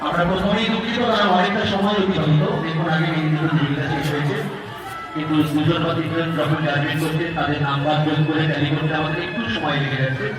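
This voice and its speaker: A man making live announcements as the host of a festival competition, his voice carried over an echoing loudspeaker. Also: fairly high pitch, fairly even intonation, fast talker. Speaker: event announcer. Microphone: stage microphone through public address. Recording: echoing loudspeaker, distant, music and crowd behind.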